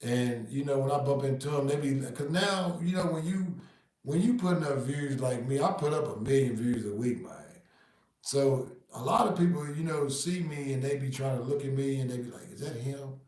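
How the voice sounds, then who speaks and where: A man's voice: mid-range voice, moderate pace, darkish tone, far from the mic. A man from Nashville with a Southern accent, talking casually in a podcast monologue, dropping "man" and "you know" through his sentences. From Nashville, Tennessee. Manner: laid-back, repeats "man" and "you know what I mean". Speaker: podcast host. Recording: very echoey room, off-mic.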